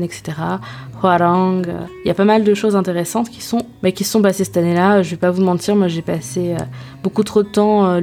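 Over background music, a podcast host with a lowish, mellow and relaxed voice chats her way through a solo review. Her speech is informal and full of slang, with pauses while she searches for words and self-deprecating remarks dropped in along the way.

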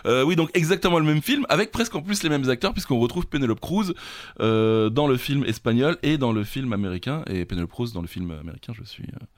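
Enthusiastic man, laughing, animated. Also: medium pitch, a little fast, no echo. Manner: laughs often, enthusiastic about films. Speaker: quiz podcast co-host. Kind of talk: casual joking chat.

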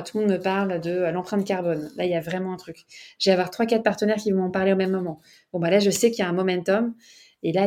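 A young woman, a startup cofounder interviewed as a guest, speaking casually and chattily and often saying "tu vois". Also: mid-range voice. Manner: lively, chatty, peppered with "tu vois".

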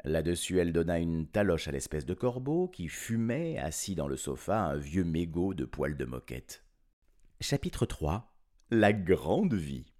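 A man telling a children's story in an animated, playful way, chuckling often. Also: low voice, measured pace.

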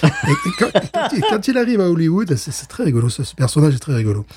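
A man's voice: a little high, rapid-fire, breathy edge. A middle-aged man co-hosting a podcast in casual chat, stammering and repeating words as he tells stories with laughs. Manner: animated storyteller, laughs while telling. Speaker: podcast co-host.

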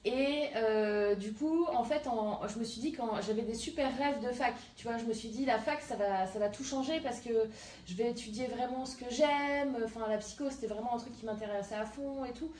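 A woman's voice: a little high, moderate pace, darkish tone, a little hiss or hum. A woman in her thirties from southern France, a guest chatting casually about her career, with lots of hesitant fillers. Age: 30s. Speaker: guest, entrepreneur. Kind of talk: casual interview chat. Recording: roomy, distant mic, faint ambience.

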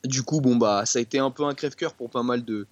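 A man's voice: medium pitch, fast talker, no echo, muffled recording. A man, a guest football specialist on a casual podcast, rambling and repeating words. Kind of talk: casual sports podcast chat.

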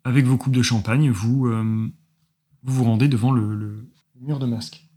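A man runs a tabletop role-playing game as game master, describing the scene for his players. His voice is husky and slightly breathy, and he narrates with frequent hesitations and fillers. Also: medium pitch, fairly even intonation, moderate pace, dark tone.

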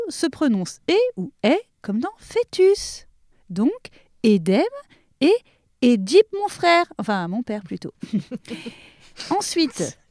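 A woman's voice: fairly high pitch, darkish tone, dry recording, clean studio sound. A young woman giving a comic pronunciation lesson in a playful, teasing way, often laughing. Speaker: comic language teacher.

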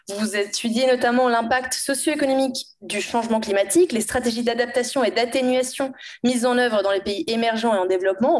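Female conference moderator, a somewhat high voice, presenting a panel in a formal register. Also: darkish tone.

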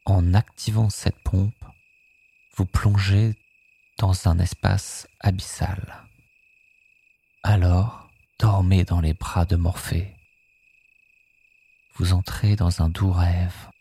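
A sleep meditation guide narrating guided hypnosis in a soothing, hushed manner, softly echoing some phrases. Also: low-pitched, little pitch movement, takes it slowly, pauses often, husky.

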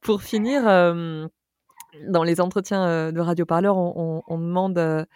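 A woman interviewing in a conversational way, with hesitant, halting phrasing. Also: fairly low pitch, fairly even intonation, darkish tone, clear, resonant tone, no echo, studio quality.

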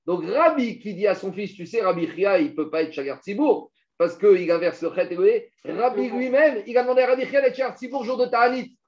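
Higher-voiced man teaching a Talmud class. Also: a little fast, few pauses. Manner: lively, mixes Hebrew and Aramaic quotes into explanations. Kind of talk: study-class Talmud lesson. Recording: muffled lo-fi recording.

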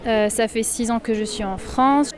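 A woman's voice: on the high side, fairly even intonation. Earnest woman, graduate student. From Chile. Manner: earnest, many pauses with fillers. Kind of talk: street interview answer.

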